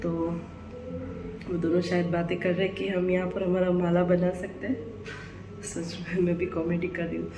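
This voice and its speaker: A woman's voice: lowish voice, little pitch movement, moderate pace, long pauses, noisy background. A young woman, chatting casually through a home vlog and laughing at herself. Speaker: vlogger. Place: family home, indoors and on a rooftop.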